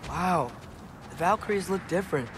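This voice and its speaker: An actor playing an earnest, hopeful teenage warrior son in a video game, talkative and searching in manner. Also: male voice, sits high, lively intonation, normal speed, background noise. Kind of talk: video game dramatic acting.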